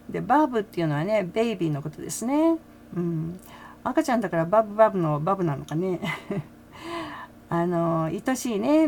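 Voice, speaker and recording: A middle-aged woman talking casually about a concert, full of fillers and soft laughs. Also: mid-range voice, gravelly, a little hiss or hum. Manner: chatty, many fillers, frequent soft laughs. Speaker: fan reaction vlogger. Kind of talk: casual commentary.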